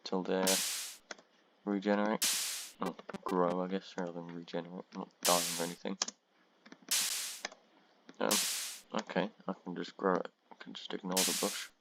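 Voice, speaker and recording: Man, deep, monotone, self-deprecating, rambling gameplay commentary, loud background noise, keyboard clicks. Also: moderate pace, creaky, long pauses. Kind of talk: casual let's-play commentary.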